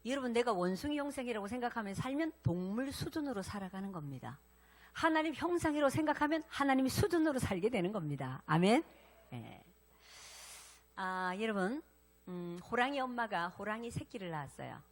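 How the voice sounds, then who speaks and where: A woman pastor preaching a sermon, animated and interactive, prompting her congregation to respond. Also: a little high, a little fast.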